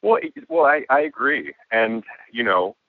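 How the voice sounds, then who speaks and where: A man with a hoarse voice, a guest musician and filmmaker talking reflectively in a casual interview. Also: mid-range voice, very animated, normal speed, no room sound. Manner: reflective, with frequent restarts and laughs. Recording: tinny phone-like line.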